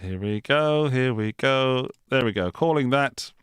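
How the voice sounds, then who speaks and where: Hosting a live guitar podcast by video call, a man from England with a Gloucestershire accent chats and jokes, often restarting, into a studio microphone. His medium-pitched voice is expressive and clean, a little slow, with no room sound.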